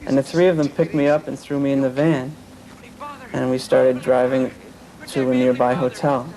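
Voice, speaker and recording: A man's dark, medium-pitched voice comes through poor audio at a moderate pace and level tone. Interviewed about his cult experience, he tells his story earnestly and repeatedly quotes what people said to him.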